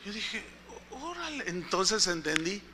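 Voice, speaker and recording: A man's voice: high-pitched, animated, unhurried, background noise. A man with a Mexican accent preaching a conversational storytelling sermon, often asking the congregation questions. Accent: Mexican Spanish. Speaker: pastor.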